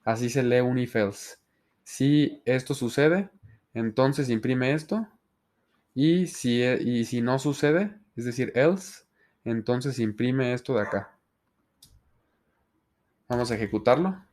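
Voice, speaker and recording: Slow-paced man teaching code. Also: mid-range voice, darkish tone. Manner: slow, step-by-step explaining with fillers. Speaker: programming instructor. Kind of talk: screen-recorded coding tutorial.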